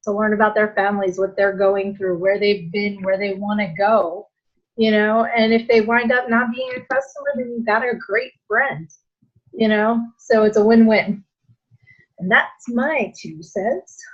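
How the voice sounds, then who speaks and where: A woman coach chatting casually on a group call, animated and self-deprecating. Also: mid-range voice, a little slow, dull audio. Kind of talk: casual chat.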